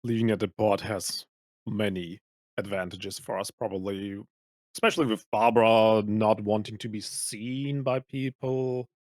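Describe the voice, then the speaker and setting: A man playing in a tabletop game, speaking in a halting, hesitant way. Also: lowish voice, fairly even intonation, darkish tone, no echo, studio quality. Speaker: player. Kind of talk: casual chat at a tabletop game.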